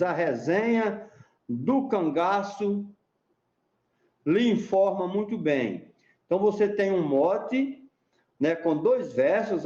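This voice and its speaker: In an echoey room with dull audio, a middle-aged interview guest who works as a repentista and teacher talks in a slightly high, warm voice. His manner is instructive and conversational, with frequent rhetorical "né?" questions.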